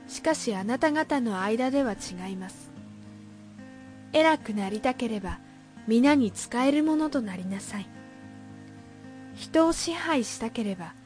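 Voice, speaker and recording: A woman voicing a gentle, patient male teacher of scripture, speaking slowly and calmly. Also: on the high side.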